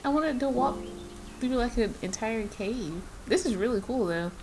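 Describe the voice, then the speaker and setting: A woman playing a game and chatting casually, reacting out loud with quick exclamations. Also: on the high side, expressive, rough recording. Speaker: game player. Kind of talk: casual gameplay chat. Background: game music.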